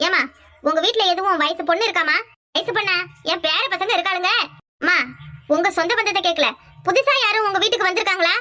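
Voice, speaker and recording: A woman's voice: very high voice, fast talker, pushed and bright. A woman voicing a stern, impatient policewoman in a cartoon, with a Kanyakumari Tamil accent and a curt, businesslike manner. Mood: questioning. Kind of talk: cartoon voice acting.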